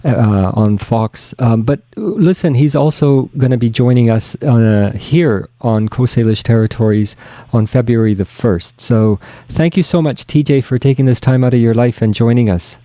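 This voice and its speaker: A man's voice: medium pitch, normal speed, mellow, dry recording. A man from Tanzania hosting a radio interview, talking in a rambling, chatty way with many restarts. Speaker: radio host. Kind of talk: casual interview chat.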